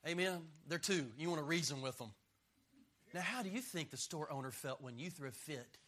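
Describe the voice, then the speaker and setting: A middle-aged man preaching with a high, cutting voice that rings sharply at the top. He hammers each point home, trades quips with his listeners and leans on call-and-response. He is a pastor in full sermon mode. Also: lively intonation, fairly quick, pushed and bright. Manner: emphatic, punchy and joking, with call-and-response.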